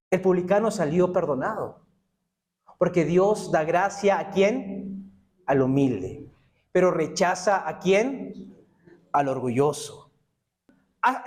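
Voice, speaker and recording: A male pastor preaching a sermon, asking rhetorical questions and answering them himself. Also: high voice.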